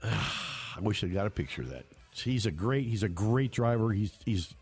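A man's voice: on the low side, expressive, normal speed, slightly rough, faint music behind. A man hosting a motorsport radio show in a studio, telling stories in a rambling, self-mocking way. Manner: chatty, storytelling, self-mocking. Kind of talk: rambling casual radio talk.

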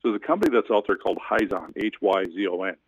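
Brief: lower-voiced male financial advisor on a phone line, rambling and hesitant, dry lo-fi sound. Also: animated, fast, slightly rough, dry recording. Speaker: financial advisor, regular guest. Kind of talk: casual radio chat. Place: cabin in the woods. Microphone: phone or internet call.

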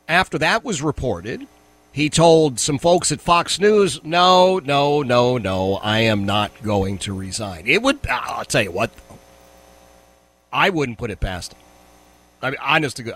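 A man's voice: medium pitch, fairly bright tone. A man hosting a radio talk show, speaking casually off the cuff, interrupting himself and repeating phrases for emphasis.

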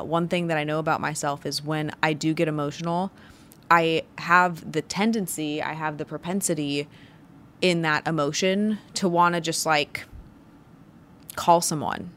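A woman's voice: low voice, slight background noise. A woman business owner hosting her own show, giving a motivational business talk with emphatic, punchy phrasing. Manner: emphatic, punchy delivery with stressed short phrases. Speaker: business owner and podcast host.

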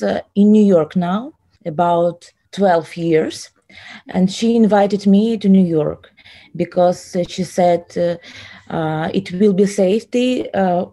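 A woman in her thirties speaks English with a Ukrainian accent, slowly and with many pauses and fillers. Her voice is slightly low and mellow. She answers interview questions with halting care. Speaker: interview guest.

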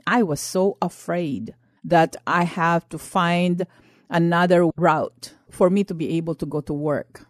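A woman's voice: fairly low pitch, a little mellow, no room sound, clean studio sound. Earnest Filipino woman giving testimony. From Philippines. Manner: earnest, impassioned. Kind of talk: personal testimony and exhortation.

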